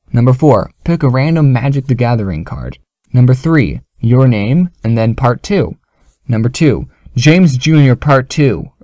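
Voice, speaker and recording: Lively, joking male YouTuber. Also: mid-range voice, dry recording, studio quality. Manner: joking, animated delivery. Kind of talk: casual vlog talk.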